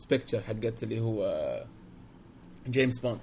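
A man's voice: lowish voice, expressive, normal speed, darkish tone, slight background noise. A man with a Gulf Arabic accent hosting a casual discussion, dropping English words into his talk. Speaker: film show host. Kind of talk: casual chat.

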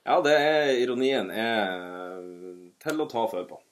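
A man's voice: medium pitch, lively intonation. A man with a North Norwegian accent co-hosting a podcast in casual, dryly joking chat. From Northern Norway. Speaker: podcast co-host.

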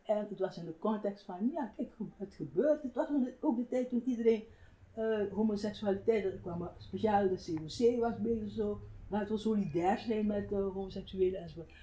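An older woman, a writer, telling stories in a relaxed conversational interview, animated and laughing often. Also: medium pitch, a little fast. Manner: animated, acts out quoted voices, laughs often. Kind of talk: reflective conversational storytelling.

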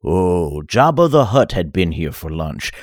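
A man voicing a gracious male dark lord playing host in a story reading, smooth and courtly. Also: low voice, sing-song, a little slow, no room sound, studio quality, exaggerated voice.

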